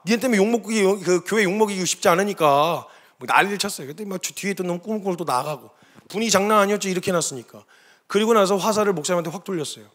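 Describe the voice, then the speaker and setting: A man preaching as a missionary, telling a story with lively delivery and sudden shouted quotes. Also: high-pitched, racing. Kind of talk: sermon testimony.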